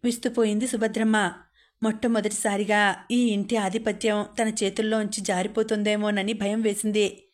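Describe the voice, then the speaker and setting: A woman reading a novel aloud as an audiobook narrator, telling the story in a steady, even way. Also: medium pitch, moderate pace.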